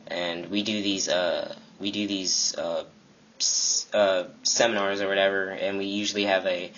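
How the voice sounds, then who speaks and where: Earnest teen boy, low husky voice. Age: teens. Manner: earnest, animated, acts out quoted classmates. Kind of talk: casual preaching to camera. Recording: dull lo-fi webcam audio.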